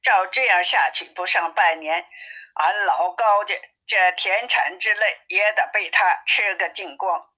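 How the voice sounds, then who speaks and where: A woman's voice: on the low side, unhurried, sharp tone, low-quality recording. A woman voicing a worried old man, an anxious father, in a storybook reading. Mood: fretful. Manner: anxious, complaining. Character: worried old male landlord, fretful father.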